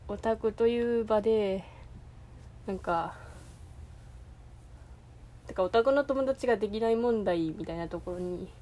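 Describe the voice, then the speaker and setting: A woman from Osaka, Japan, hosts a podcast, chatting on her own in a Kansai accent. Her mid-range voice is mellow and unhurried with frequent pauses, and the casual talk rambles and hesitates, full of fillers and restarts.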